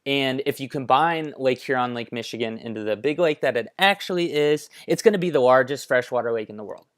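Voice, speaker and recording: A man's voice: medium pitch, brisk, clean tone. An American man giving an informal, conversational explainer with offhand asides, talking into a headphone microphone. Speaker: presenter. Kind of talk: casual explainer commentary over maps.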